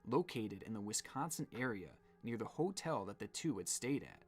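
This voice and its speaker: A man's voice: mid-range voice, lively intonation, moderate pace, music in the background. A man giving scripted narration in the style of a true-crime video.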